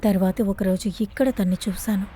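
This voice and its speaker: A woman voicing a fearless, composed woman with a mellow, darker voice, speaking in a measured tone. A faint hiss runs under her. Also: mid-range voice, little pitch movement, lightly acted. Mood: reflective. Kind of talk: dubbed film acting.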